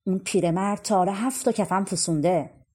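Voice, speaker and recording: A woman's voice: mid-range voice, a little mellow, breathy edge, close to an everyday voice. A woman voicing an earnest, homesick young man in a storybook reading. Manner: earnest and eager.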